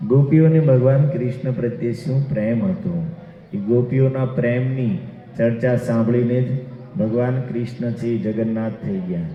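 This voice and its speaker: A man's voice: medium pitch, moderate pace. Man preaching in a reverberant hall. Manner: narrates and acts out dialogue. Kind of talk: devotional storytelling sermon. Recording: echoey hall, dull lo-fi sound.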